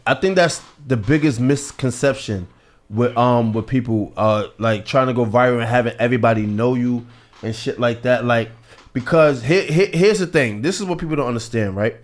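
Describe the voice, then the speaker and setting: A man's voice: mid-range voice, normal speed. A man co-hosting a podcast, talking casually and thoughtfully, often repeating words as he builds a point. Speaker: podcast co-host. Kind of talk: casual chat.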